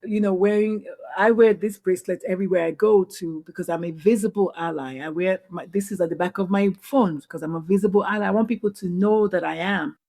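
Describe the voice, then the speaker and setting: A middle-aged Nigerian woman physician, a guest on a podcast, tells stories in a conversational interview, earnest and animated, often restarting sentences. Her voice is medium-pitched and mellow, brisk with hardly any pauses.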